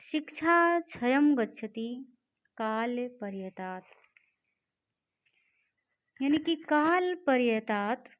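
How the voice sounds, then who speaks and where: A woman's voice: a little high, expressive, drawn-out words, long pauses. A woman teaching a Sanskrit lesson. She reads each line of the text and then explains it in simple words. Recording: dull lo-fi recording.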